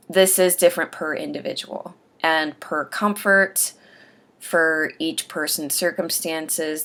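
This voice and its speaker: A woman with a slightly low voice talks straight to her camera in a casual video diary. She has a faint lisp and spells out each word with deliberate, exaggerated care, like someone practicing her own speech. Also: a bit bright. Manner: deliberate, over-enunciated speech. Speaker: vlogger sharing denture aftercare advice. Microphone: webcam or camera mic while watching herself on screen.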